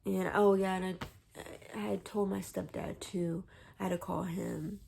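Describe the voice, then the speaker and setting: A woman's voice: mid-range voice, level tone, unhurried, vocal fry, darkish tone, a little hiss or hum. A young woman telling a personal story to camera in a rambling, hesitant way with many fillers. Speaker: vlogger.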